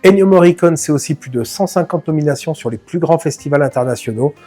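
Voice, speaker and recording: Husky-voiced man hosting a casual film talk. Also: fairly high pitch, fast, soft background music. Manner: familiar, addresses the viewer directly, lively slang. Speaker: film channel host.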